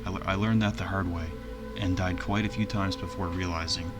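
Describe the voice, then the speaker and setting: Low-voiced man narrating a game review. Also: steady tone, brisk, over loud music. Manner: informal, plainspoken.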